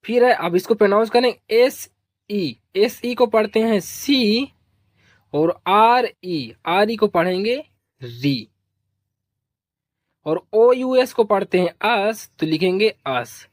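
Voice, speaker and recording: A woman teaching English pronunciation, spelling out letters slowly, asking questions and repeating the answers. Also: mid-range voice, lively intonation, no echo, clean studio sound.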